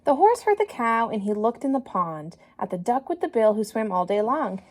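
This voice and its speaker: A woman with a fairly high-pitched voice reads a children's story aloud like a teacher, animated and encouraging, pausing to put questions directly to her young listeners.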